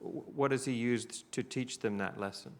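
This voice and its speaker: A man's voice: mid-range voice, normal speed, a little mellow. A man with a Southern US accent leading a church Bible class, talking in a conversational way and putting questions to the class. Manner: conversational, asks the class questions, many restarts.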